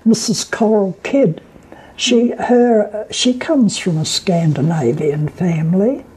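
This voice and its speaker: Halting elderly New Zealand woman, reminiscing. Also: medium pitch, mellow, breathy edge, poor audio. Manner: halting, reminiscing, with repeated words and pauses. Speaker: oral history interviewee. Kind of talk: reminiscing in a recorded interview. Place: at home, indoors.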